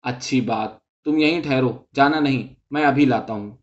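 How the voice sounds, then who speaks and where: A man's voice: medium pitch, natural voice. A man voicing an older boy who answers curtly and scolds his little brother, in a dull lo-fi recording. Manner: curt, scolding.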